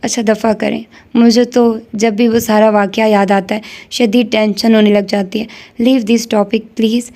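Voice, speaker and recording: A woman's voice: a little high, flat delivery, dark tone, natural voice. A woman voicing a playful young woman who teases her brother. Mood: teasing. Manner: teasing.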